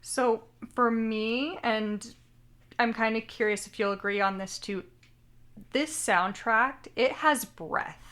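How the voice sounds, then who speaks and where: Fairly high-pitched and fairly bright, this young woman speaks at a slow pace. She co-hosts a casual anime podcast, rambling chattily and often unsure how to say names.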